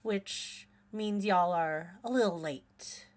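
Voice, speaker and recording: A woman's voice: fairly low pitch, slow pace. A woman voicing a gracious, formal party hostess with a thick put-on accent and a drawl. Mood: reproachful. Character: gracious woman hosting a party, hired performers.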